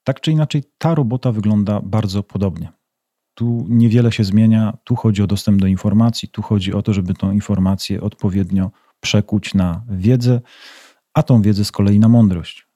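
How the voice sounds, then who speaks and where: A middle-aged man, a consultant being interviewed, explaining his work in a measured way with rhetorical questions. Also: on the low side, mellow, dry recording. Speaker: business intelligence consultant, guest. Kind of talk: interview answers.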